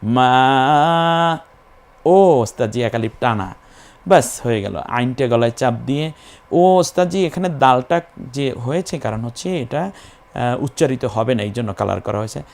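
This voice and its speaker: A man's voice: medium pitch, lively intonation, vocal fry, darkish tone. Man teaching recitation, drawing out syllables. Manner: spells syllables and draws out chanted words slowly. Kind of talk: step-by-step recitation lesson.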